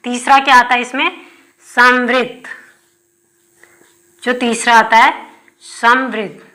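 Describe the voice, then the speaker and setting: Bright-voiced Hindi teacher drilling terms. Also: female voice, on the high side, steady tone. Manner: repeats key terms with rhetorical questions; dictates notes slowly. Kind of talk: exam-prep lesson.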